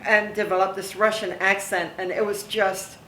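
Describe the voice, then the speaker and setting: A woman's voice: mid-range voice, little pitch movement, normal speed, pushed and bright, roomy sound, a little hiss or hum, poor audio. A middle-aged woman being interviewed as a guest, reminiscing casually and gushing with praise, laughing often. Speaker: interview guest, theme park haunt performer.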